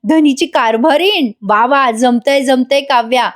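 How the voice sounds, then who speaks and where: A woman's voice: sits high, unhurried. A woman reading a doting mother-in-law. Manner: warm, doting. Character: cheerful fussing mother-in-law.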